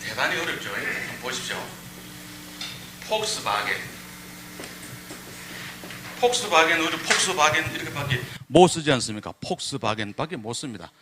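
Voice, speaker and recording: Speaking fast with few pauses, this medium-pitched, animated man lectures the public on Korean script over some background noise. He demonstrates the letters by sounding them out and throws rhetorical questions at his audience.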